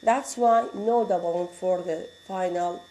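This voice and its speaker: A woman with an Arabic accent teaching English spelling rules, explaining slowly and repeating each example word. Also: on the low side, mellow, a little hiss or hum, poor audio. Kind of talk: classroom lecture.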